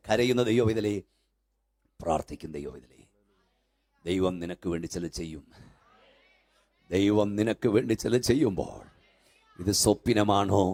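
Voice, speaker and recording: Fervent gravelly older male preacher. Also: lowish voice. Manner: fervent, repetitive calls that build to shouting. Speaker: pastor. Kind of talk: sermon. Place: church hall.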